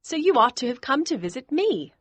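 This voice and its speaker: A lively teasing young lady. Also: high voice, fairly quick, no room sound. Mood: chatty. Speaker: Daisy Miller. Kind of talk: audiobook dialogue acting.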